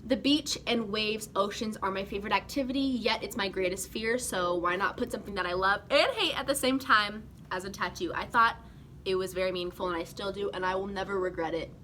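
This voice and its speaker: Young woman, from California, vlogger, casual chat to camera, lots of "like" and "guys", bright tone. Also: medium pitch, brisk, a little hiss or hum. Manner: chatty, animated, full of "like" and "guys".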